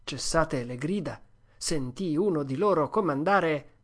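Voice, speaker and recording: Unhurried and medium-pitched, the narrator delivers a first-person audiobook reading of a classic adventure story, keeping it steady and expressive.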